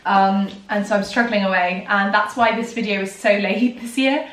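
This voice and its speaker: In a casual book review chat, a woman in her thirties who reviews and vlogs about books gushes over children's titles, peppering her speech with ums and quiet laughter. Her voice is hoarse from a recent illness that cost her her voice, though it stays medium in pitch, steady, and at a normal pace. The mic sits far off in a roomy setting, and faint noise is audible.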